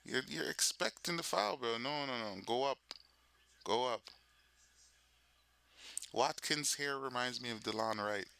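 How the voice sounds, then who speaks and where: A man's voice: medium pitch, a little slow, vocal fry, pauses often, bright, forceful tone, smooth. A man hosting a live watch party, chatting casually with viewers and reacting to the game, loose and full of fillers. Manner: loose with many fillers and restarts. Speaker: livestream host.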